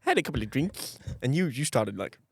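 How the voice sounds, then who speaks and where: Lively laughing man. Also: mid-range voice, fairly quick, gravelly, husky, dry recording, studio quality. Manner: animated, laughs often, jokey. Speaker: podcast co-host. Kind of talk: casual chat.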